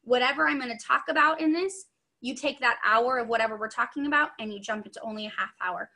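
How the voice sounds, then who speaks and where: A woman's voice: a little high, quick pace, vocal fry, sharp tone. A young adult woman giving a chatty, upbeat online training session, full of asides, over a video call. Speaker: sales trainer.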